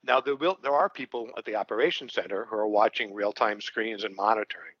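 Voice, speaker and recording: A Brooklyn co-founder with a strong local accent explains his company's work in a casual interview, rambling with lots of fillers and restarts. His lowish, husky, slightly bright voice moves fast, and the recording is dry with the highs cut off.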